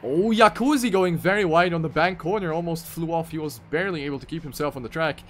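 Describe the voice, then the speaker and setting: A fast-talking esports caster with a fairly high voice commentates an online racing game tournament live. His play-by-play is excitable, spiking sharply on crashes and errors.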